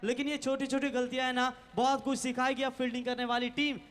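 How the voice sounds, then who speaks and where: High-voiced poetic male cricket commentator, reverberant. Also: level tone, quick pace, fairly bright tone, clear, resonant tone. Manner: rhetorical, poetic. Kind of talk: live cricket commentary with recited verse. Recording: long reverb, like a PA system.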